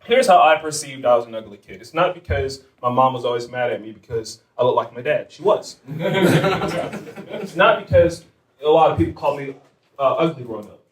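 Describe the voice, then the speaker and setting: A man's voice: medium pitch, lively intonation, moderate pace. A young man performing a stand-up comedy set, loose and chatty with lots of asides. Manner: loose, conversational delivery with frequent asides. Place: live club stage with audience. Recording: roomy live venue, mic heard from a distance, crowd laughter.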